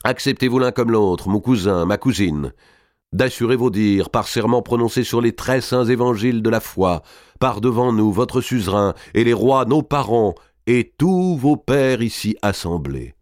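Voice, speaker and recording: A man voicing a grave and majestic medieval king who speaks in a solemn, measured way. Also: mid-range voice, very animated, darkish tone, no room sound, studio quality, pitched above the performer's own voice.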